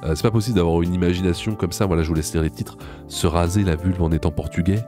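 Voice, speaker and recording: A man hosting a reaction video, making sarcastic, deadpan comments. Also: low voice, fast talker, music in the background. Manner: mocking, deadpan asides.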